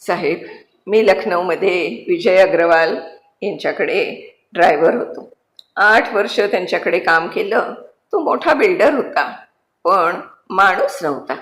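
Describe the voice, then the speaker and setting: एक शांत, नम्र कैदी पुरुष, जो आदराने आणि दबक्या आवाजात आपली कहाणी सांगतो, एका स्त्रीने वाचलेला. हे कथावाचन आहे आणि आवाजाला खोलीचा घुमारा आहे. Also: female voice, fairly low pitch, animated, measured pace, fairly bright tone. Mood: subdued, solemn. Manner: respectful, subdued, addresses the jailer as sir. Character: humble male convict, quiet, remorseless protector. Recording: roomy echo.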